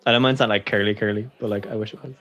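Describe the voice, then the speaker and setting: A man's voice: fairly low pitch, steady tone, rapid-fire, fairly bright tone. A young man chatting casually as a podcast co-host, with informal banter and some swearing. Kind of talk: casual chat. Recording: dull lo-fi podcast audio.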